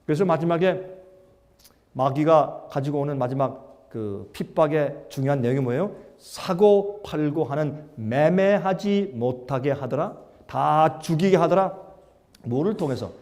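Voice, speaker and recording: A male pastor preaching a sermon, emphatic, firing rhetorical questions and swinging between loud and hushed. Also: a little high, animated, a little slow. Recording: long hall reverb.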